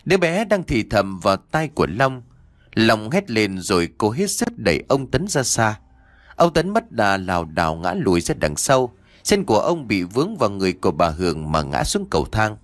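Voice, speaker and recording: A man reads a ghost story aloud, his pitch rising and falling with lively swings. The sound is dry and close, with no room around it. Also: moderate pace, dry recording. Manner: voices every character in quoted lines. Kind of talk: scripted horror story narration.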